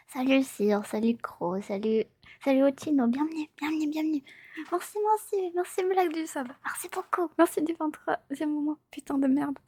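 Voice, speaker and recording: A young woman streaming from home on a close mic, chatting playfully with her viewers, giggling, swearing and slipping into soft whispers. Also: high-pitched, no room sound. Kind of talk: casual live stream chat.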